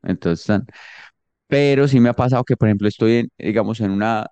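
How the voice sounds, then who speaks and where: A man with a smooth, clear voice chats casually on a talk show. He speaks hesitantly and keeps restarting his sentences. The sound is dry and a little dull. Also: fairly low pitch, fairly quick, warm tone, no echo. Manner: hesitant, many fillers and restarts. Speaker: radio show co-host. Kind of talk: casual conversation.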